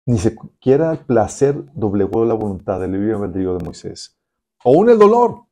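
In a fairly low voice at a moderate pace, a male youth pastor gives a sermon to young listeners. He's animated, speaking to them directly and posing rhetorical questions.

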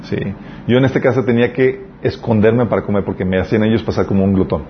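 A man's voice: lowish voice, fast talker, a little hiss or hum. A man preaching a sermon in an earnest, conversational way, telling personal stories. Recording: dull lo-fi recording.

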